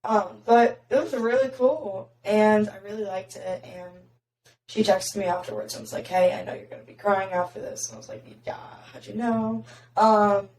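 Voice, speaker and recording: A young woman with a raspy voice, hosting a podcast and telling stories in casual chat full of "like" fillers. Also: mid-range voice, steady tone, normal speed, darkish tone. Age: young adult. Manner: chatty storytelling, many "like" fillers. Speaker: podcast host. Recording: roomy echo, faint noise.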